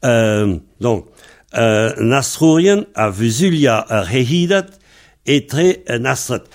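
The Breton language teacher speaks in an animated, mid-range voice roughened by gravel and vocal fry. Taking his time, he methodically goes through each word and spells it out one letter after another.

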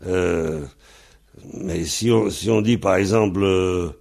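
Slow, gravelly man teaching grammar. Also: sits low, darkish tone. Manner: hesitant, many fillers, spells words out letter by letter. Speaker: Breton language teacher. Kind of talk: slow explanatory grammar lesson.

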